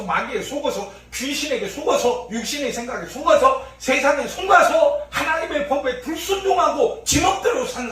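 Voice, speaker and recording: High-pitched pastor preaching in an echoey hall. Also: male voice. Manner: impassioned preaching, swings from low murmurs to shouts. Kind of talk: sermon. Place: church sanctuary during evening service. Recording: echoey church hall from far off, faint noise.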